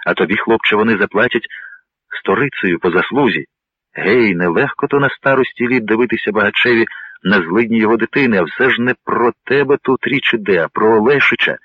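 An aging nobleman, worried and pleading, voiced by a male reader. The voice is deep. The sound is thin and dry, like a phone line. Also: brisk, husky, dry recording. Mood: anxious. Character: old nobleman, anxious and grieving.

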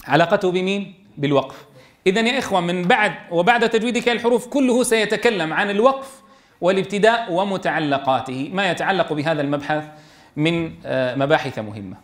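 A man teaching a class on Quran recitation rules. He quizzes his students and chants verses slowly for them to repeat. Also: high-pitched.

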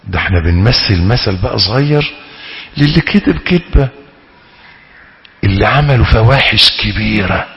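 A man with an Egyptian Arabic accent giving a religious lesson as a sheikh, talking in a dramatic way that rises to loud, pleading emphasis. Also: lowish voice, lively intonation, moderate pace, pauses often, dull audio. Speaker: sheikh teaching theology. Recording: reverberant hall.

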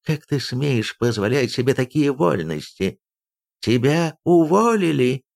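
Imperious noble housekeeper, loud and nasal, cold and stern, put on by a male reader with a gravelly edge. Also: mid-range voice, expressive, unhurried, voice pushed up. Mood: indignant. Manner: imperious, commanding.

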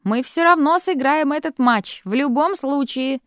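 A woman voicing a bossy, theatrical young bride who speaks in loud, emphatic declarations in an audiobook. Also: high-pitched, sing-song, moderate pace, dry recording, studio quality. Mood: commanding.

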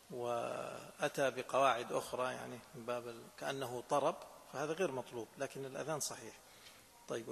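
A man's voice: mid-range voice, creaky. A man, a sheikh explaining a religious law text to students in a lesson and often checking that they understand. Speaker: sheikh teaching a fiqh text. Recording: echoey hall, faint background noise.

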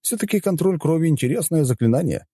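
A man's voice: a little high, lively intonation, fast, mellow, husky, no echo, studio quality, pitched above the performer's own voice. Cocky mocking healer, as a man plays him. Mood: teasing. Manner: teasing, mock-polite. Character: cocky young male healer mage, mocking.

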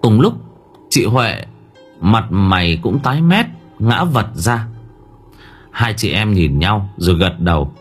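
A man's voice: fairly low pitch, big pitch swings, slow pace, breathy edge. A man narrating a horror story in a dramatic storytelling manner. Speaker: audiobook narrator. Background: faint background music.

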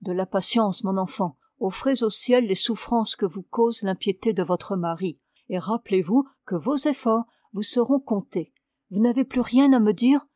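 A solemn, fussy old abbé giving counsel from the confessional, measured and gently reproving, as a woman reader voices him. The reading sits close and dry, in a middle register. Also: mid-range voice, no echo, natural voice. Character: elderly male abbé, stern yet fussy confessor.

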